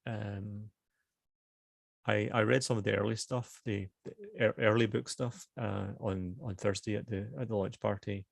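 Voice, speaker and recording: Gravelly-voiced Scottish novelist. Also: male voice, on the low side, steady tone, normal speed, no echo. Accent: Scottish, Glasgow. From Scotland. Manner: hesitant, with many fillers and restarts in chat. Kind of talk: author reading and book talk.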